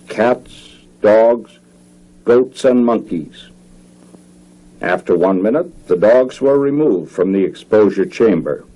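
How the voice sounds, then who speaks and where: A low, mellow American male narrator from a 1950s educational film speaks in a formal, measured way, enunciating carefully, with a slightly husky grain. It sounds like a vintage documentary soundtrack, and the audio is poor.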